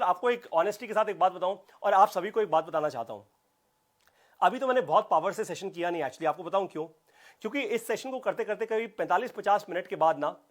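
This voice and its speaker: High-pitched, high-energy male business coach. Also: a bit bright. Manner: high-energy, emphatic, repeats phrases for punch. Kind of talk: live online business class with audience shout-outs.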